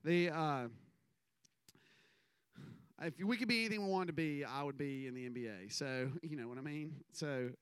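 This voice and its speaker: A man's voice: fairly high pitch, normal speed, long pauses, smooth, dry recording. A man, giving a casual, rambling sermon full of stories and self-deprecating asides. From American South. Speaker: minister.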